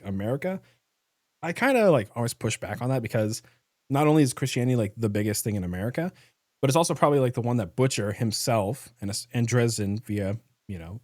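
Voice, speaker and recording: A man hosting a casual book chat, talking excitedly with lots of fillers. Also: mid-range voice, no room sound, studio quality. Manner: excited, many fillers, frequent laughs. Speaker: podcast host.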